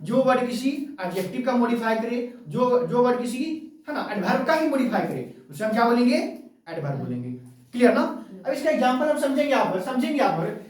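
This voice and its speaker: A woman teaching a grammar lesson to a class, repeating each point slowly and asking rhetorical check questions. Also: a little high, animated, darkish tone. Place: classroom with students. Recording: very echoey room, voice from far off.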